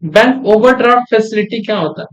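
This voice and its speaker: A young male commerce teacher with a high-pitched voice gives a lecture. He keeps pausing to ask the class quick check questions and repeats the key terms back for emphasis. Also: lo-fi sound.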